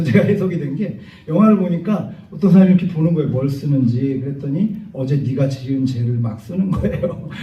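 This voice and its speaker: Male pastor, animated storytelling sermon; high, mellow voice, recorded from a distance in a roomy church. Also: a little hiss or hum. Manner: animated storyteller, acts out voices, jokes with the congregation. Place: church sanctuary. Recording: echoey church hall from far off, dull.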